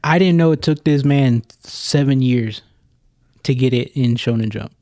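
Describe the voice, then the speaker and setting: A young man from the United States co-hosting a casual podcast chat, relaxed, laughing and swearing, full of fillers. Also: mid-range voice, measured pace, dry recording, studio quality. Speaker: podcast co-host.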